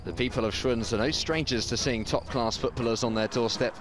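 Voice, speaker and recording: A man narrating a scripted sports feature in a measured, informative way. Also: mid-range voice, noisy background. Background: guitar music.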